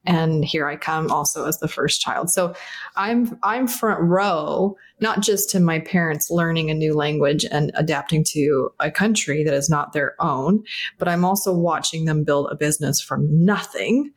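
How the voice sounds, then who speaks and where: A woman with a fairly low voice talks as a podcast guest. She is animated and candid, and she laughs often as she tells her story. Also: normal speed. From South Florida, United States. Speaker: guest, agency founder. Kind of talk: casual podcast interview.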